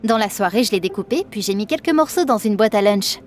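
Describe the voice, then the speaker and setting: A woman narrating an animated first-person story in a lively, expressive, dramatic manner. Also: mid-range voice, quick pace, soft background music.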